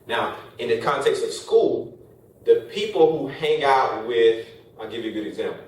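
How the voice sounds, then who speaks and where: A man's voice: medium pitch, animated, moderate pace. A man talking to a class in a very echoey room. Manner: conversational and joking, with rhetorical "right?" questions. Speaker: speaker addressing college students. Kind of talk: motivational classroom talk. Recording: very echoey room from a distance, faint noise.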